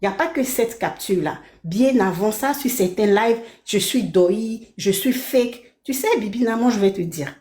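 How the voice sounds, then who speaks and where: A woman's voice: mid-range voice, expressive, normal speed, hardly any pauses, a little mellow, echoey room. A woman from Belgium on a heated live stream, speaking from her apartment, indignant and repeating her points.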